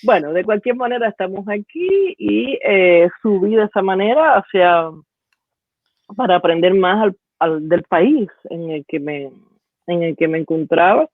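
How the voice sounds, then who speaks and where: A middle-aged Cuban woman with a Cuban Spanish accent, a professor speaking as an interview guest, thoughtful and halting with many restarts. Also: mid-range voice, lively intonation, no echo. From Cuba. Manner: thoughtful, with frequent restarts and hesitations. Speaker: guest, university professor and poet. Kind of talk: reflective storytelling interview. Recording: tinny phone-like dry line.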